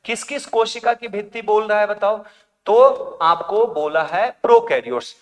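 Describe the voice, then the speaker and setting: A male teacher giving an exam coaching lecture, who asks the class questions, answers them himself and repeats key terms slowly. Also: high voice, long reverb tail.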